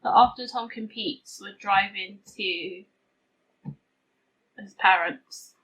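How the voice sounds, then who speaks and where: A beauty vlogger chats casually to camera from a hot room at home with the window open, rambling and poking fun at herself. Her voice is medium-pitched, slow, and a bit bright, and the audio sounds slightly tinny.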